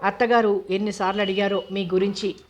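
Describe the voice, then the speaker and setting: A woman reading the lines of a gentle young village wife, speaking softly and with light teasing. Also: medium pitch, level tone, brisk, slight background noise, natural voice.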